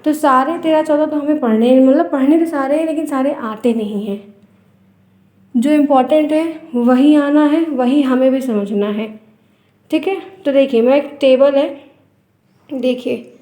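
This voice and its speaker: A woman's voice: high-pitched, mellow, reverberant. A woman teacher giving a patient exam-prep grammar lesson, repeating her points and checking that students follow.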